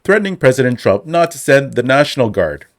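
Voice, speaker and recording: A man's voice: medium pitch, big pitch swings, brisk, background noise. A man narrating scripted political commentary in a scornful, punchy way. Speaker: channel narrator.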